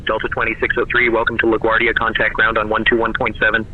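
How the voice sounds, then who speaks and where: A man working as an air traffic controller, reading out clearances in clipped radio phraseology, heard as a muffled radio transmission over a cockpit headset. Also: lowish voice. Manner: flat, rapid-fire, businesslike. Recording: muffled radio audio with faint engine hum.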